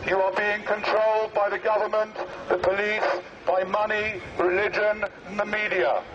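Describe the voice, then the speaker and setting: A man speaking through a megaphone on a busy outdoor square, making formal, deadpan mock public announcements. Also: high voice, moderate pace. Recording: muffled megaphone with street noise.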